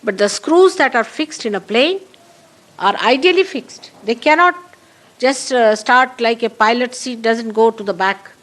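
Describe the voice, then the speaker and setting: A woman's voice: a little high, a little slow, fairly bright tone. A woman teaching a gathering in a spoken talk with questions and answers. She stresses her points and repeats key phrases, speaking straight to her listeners. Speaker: spiritual teacher. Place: meeting hall with an audience.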